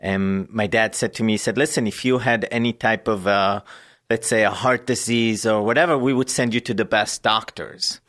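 A man from Israel, a guest in an interview, telling his life story earnestly and haltingly with many pauses and fillers. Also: fairly low pitch, fairly even intonation, a bit bright.

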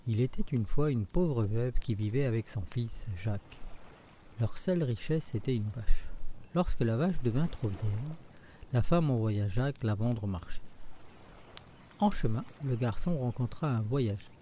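A man narrating a fairy tale in a steady, even reading. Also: mid-range voice, measured pace, slight background noise. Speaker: storyteller. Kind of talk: scripted storybook narration.

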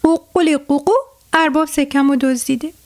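A woman voicing a clever, boastful male rooster who crows loudly in a storybook tale for children. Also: high-pitched, fairly even intonation. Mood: crowing, boastful. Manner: loud crowing sing-song.

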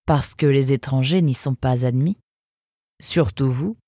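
A woman voicing a tall thin man who speaks calmly and patiently, explaining things as if he knows them well. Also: a bass voice, measured pace, no echo, clean studio sound, exaggerated voice. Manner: calm, knowing, patient. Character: tall thin calm man in a blue shirt.

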